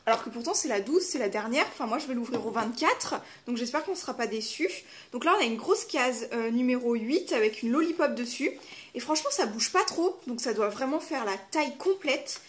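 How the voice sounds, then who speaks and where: Femme bavarde à la voix aiguë. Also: female voice, a little high, expressive, brisk, a little hiss or hum. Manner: chatty, lots of fillers, self-correcting. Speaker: vlogger opening advent calendars. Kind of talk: casual unboxing chat.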